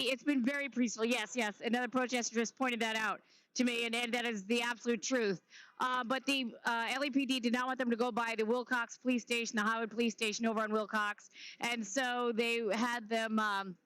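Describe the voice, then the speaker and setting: Bright-voiced woman reporting live outdoors. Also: a little high, no room sound, low-quality recording. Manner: conversational, halting with fillers. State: slightly out of breath. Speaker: field reporter. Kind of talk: live news reporting from a street march. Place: outdoors on a city street during a march.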